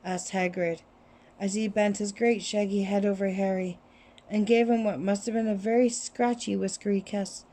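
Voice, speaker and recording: A woman reading a children's novel aloud in a steady, expressive way, recorded on a cell phone. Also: mid-range voice, moderate pace, a little hiss or hum. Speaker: reader. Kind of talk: storybook reading.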